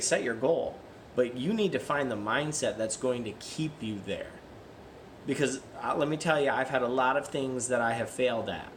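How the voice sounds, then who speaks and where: A man's voice: medium pitch, a bit bright, slight background noise. A man giving a casual, earnest motivational vlog talk, often asking himself questions and answering them. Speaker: fitness vlogger.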